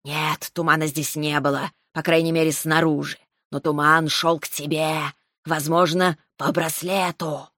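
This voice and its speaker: A woman voicing a sly, calm female snake who talks softly and slowly, teasing now and then. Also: low-pitched, dry recording, clean studio sound. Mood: quiet.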